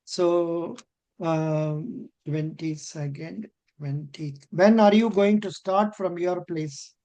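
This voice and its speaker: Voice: mid-range voice, fairly even intonation, slow, mellow, low-quality recording. An older interview coach with an Indian accent, giving mock interview feedback in an encouraging way and often repeating phrases.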